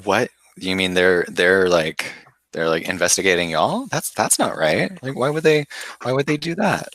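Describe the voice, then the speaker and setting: Man doing a deep, halting young minotaur with a soft spot, dry close sound. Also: dry recording. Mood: indignant. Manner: halting, filler-heavy delivery. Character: young male minotaur, sentimental and guilty.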